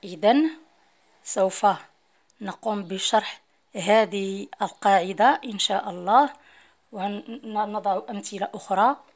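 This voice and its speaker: A woman with a Moroccan accent teaching a French lesson, explaining rules and mixing Arabic and French. She reads French examples slowly and deliberately. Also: mid-range voice. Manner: slow, deliberate dictation when reading French rules; mixes formal Arabic with Moroccan Arabic and French terms.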